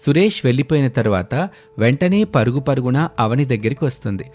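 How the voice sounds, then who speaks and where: A man narrating a scripted animated moral story in a steady, dramatic way. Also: mid-range voice, a little fast.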